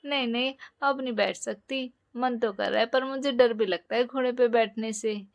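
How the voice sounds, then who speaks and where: A woman voicing a caring mother who speaks softly and gently to her children. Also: fairly high pitch, fairly even intonation, moderate pace, gravelly, no echo. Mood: motherly. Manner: soft, motherly. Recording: dull lo-fi recording.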